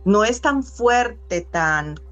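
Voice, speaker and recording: A middle-aged woman speaking as an interview guest, earnest and reflective, pausing and restarting as she thinks. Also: medium pitch, animated, soft background music. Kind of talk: conversational interview.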